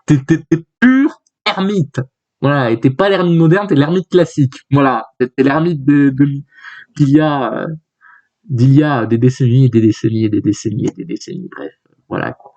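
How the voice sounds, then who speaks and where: A man's voice: mid-range voice, moderate pace, darkish tone. A young man giving a rambling, joking commentary while reading a manga aloud. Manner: rambling, jokey, many fillers and restarts. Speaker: youtuber. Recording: dull lo-fi sound.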